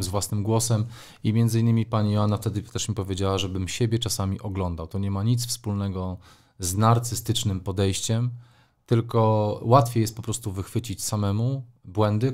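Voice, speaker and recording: A man's voice: on the low side, steady tone, moderate pace, darkish tone. A middle-aged man, a sports journalist, answering interview questions thoughtfully, with frequent hesitations and fillers.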